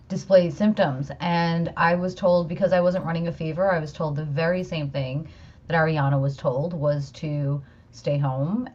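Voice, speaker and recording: Co-host, woman with a lowish voice, swears freely, muffled lo-fi sound. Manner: profane, lively storyteller. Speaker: podcast co-host. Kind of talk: casual chat. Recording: muffled lo-fi audio.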